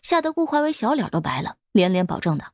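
A woman narrating an audio drama in a lively, expressive storytelling manner. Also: mid-range voice, fast talker, no room sound, studio quality.

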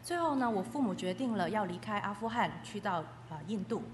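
Speaking quickly, a woman interprets testimony one phrase at a time in an echoey hall. Her medium-pitched, expressive voice rings with the room's reverb over a faint background noise.

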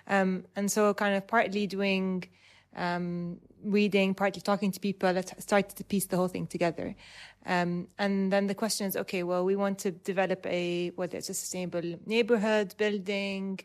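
Her voice is mid-range and her delivery flat: a woman in her thirties from Dubai, an urban planner, responding to interview questions in a measured way with ums and restarted phrases.

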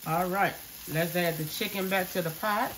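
A congested man narrating a casual cooking video from his home kitchen, relaxed and chatty, talking to viewers as y'all. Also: sits high, normal speed, background noise. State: congested, coughing. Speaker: home cook.

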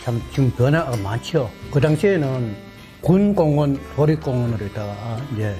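A man talks casually. His pitch is average, and music is clearly heard underneath. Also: animated, normal speed, warm tone. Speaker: village group chairman. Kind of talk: casual talk.

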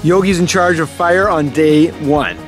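Filming with a handheld camera at arm's length, this playful dad in his forties narrates a laid-back family camping vlog from a wooded campsite. His voice sits on the high side and he speaks unhurriedly, with music in the background. The tone is jokey throughout.

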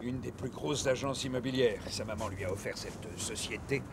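A man in his fifties playing a gruff, wily police inspector in a dubbed TV crime drama, with a dry, sardonic manner. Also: medium pitch, moderate pace, lightly acted. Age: 50s. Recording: noisy TV soundtrack with background ambience.

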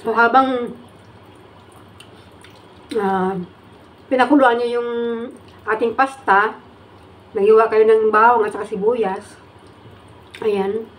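A woman's voice: on the high side, steady tone, slow, pauses often. A woman vlogger talking while chewing food, chatting casually to her viewers and explaining a recipe with plenty of fillers. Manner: chatty, addresses viewers as guys, many fillers. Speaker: mukbang vlogger. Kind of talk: casual cooking chat to viewers.

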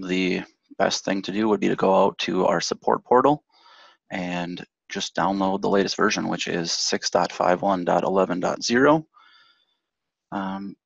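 A man with a low, gravelly voice walks through instructions in a webinar, with ums here and there. His voice is a bit husky. The sound is dull and dry. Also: no room sound. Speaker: support staff presenter. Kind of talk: webinar presentation.

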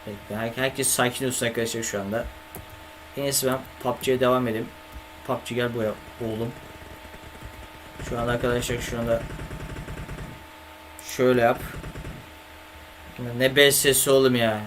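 Live from a home desk mic, a young man streaming games chats casually with viewers and swears and grumbles at his computer while talking to chat. His mid-range voice holds a steady tone at normal speed, with long pauses and slight background noise.

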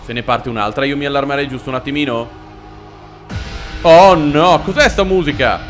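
A man giving excitable, joking commentary while playing a horror video game. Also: mid-range voice, fast. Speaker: gaming video host. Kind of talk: let's play commentary. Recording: voice over loud game music.

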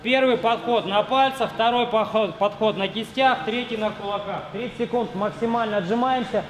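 A man's voice: high-pitched, moderate pace. A man coaching a workout like a gym bro, counting reps and barking short motivational commands with teasing jabs. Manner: hard-driving motivational hype with teasing jabs. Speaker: martial arts coach. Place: large indoor martial arts gym with mats. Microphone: camera a few meters away. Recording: echoey gym, music behind.

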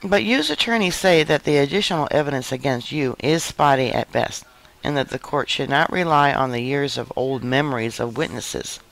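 A man giving a scripted news narration in an even, measured read. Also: medium pitch, gravelly, rough recording. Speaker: news reader.

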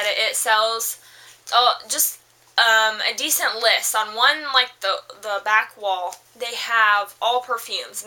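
Bright, chatty young woman vlogger. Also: a little high, slight background noise, poor audio. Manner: chatty, rambling, lots of fillers and restarts. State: slightly hoarse from allergies. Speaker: beauty vlogger. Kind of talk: casual makeup haul review.

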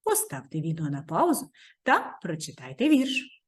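Lively, sing-song woman teacher. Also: deep voice, moderate pace. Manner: expressive, sing-song teaching voice with soft whispered asides. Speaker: primary school teacher. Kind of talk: video reading lesson for young children.

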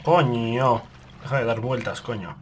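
A man commentating on his own game run, swearing, yelling when startled, and muttering to himself. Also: mid-range voice, measured pace, background noise. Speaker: gaming video host. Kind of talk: let's play commentary.

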